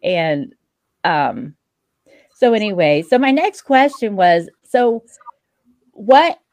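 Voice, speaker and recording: A woman's voice: medium pitch, lively intonation, takes it slowly, a little mellow, no room sound. A woman in her fifties hosting a casual interview, chatty and frank, laughing often. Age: 50s. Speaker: podcast host.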